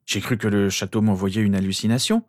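A man's voice: on the low side, steady tone, a little fast, no room sound, lightly acted. A man voicing an earnest teenage boy explaining where he comes from.

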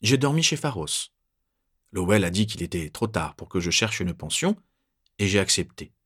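Deep-voiced man narrating a first-person story; husky, measured, steady tension.

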